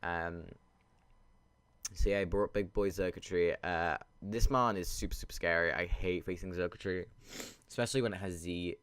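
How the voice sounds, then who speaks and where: Deep-voiced man, sniffly with a cold. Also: steady tone, normal speed, a bit bright, clean tone, dry recording. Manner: rambling, thinking aloud. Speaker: video game battle commentator. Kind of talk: casual gameplay commentary.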